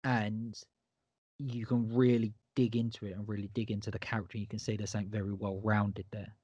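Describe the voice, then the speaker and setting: A man's voice: fairly low pitch, level tone, brisk, darkish tone, no room sound, highs cut off. A man co-hosting a horror podcast in casual chat, enthusiastic and emphatic, often repeating himself. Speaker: podcast co-host.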